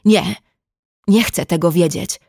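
A woman's voice: lowish voice, normal speed, darkish tone, no room sound, studio quality. A woman voicing a guilt-ridden young man in love, who pleads in a breaking voice in an audiobook. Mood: shouting.

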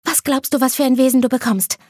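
Woman doing a squeaky eager schoolgirl, high and gushing, breathy, dry. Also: steady tone, fast talker, a little mellow, no echo. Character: bubbly fashion-loving teenage schoolgirl. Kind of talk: storybook read-aloud.

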